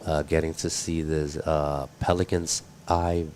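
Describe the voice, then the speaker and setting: Deep male voice, surf contest announcer, casual live commentary, faint background noise. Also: little pitch movement, a little slow, a little mellow.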